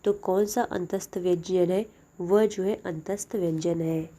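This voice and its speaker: A woman's voice: on the low side, fairly even intonation, measured pace, warm tone. A young woman teaching a lesson, reading out each exam question and then answering it plainly.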